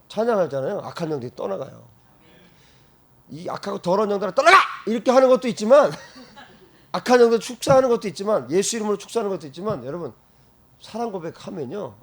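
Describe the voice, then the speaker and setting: A male pastor preaches an animated sermon in a high-pitched voice at a quick pace. He breaks into loud, shouted exclamations and laughs often.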